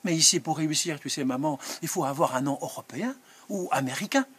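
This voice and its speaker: An ambitious young shopkeeper, as a man plays him in a told tale, earnestly reassures his mother. The voice is a touch high and husky. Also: lively intonation, brisk, fairly bright tone, heavily acted. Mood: reassuring. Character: ambitious young male grocer, eager son.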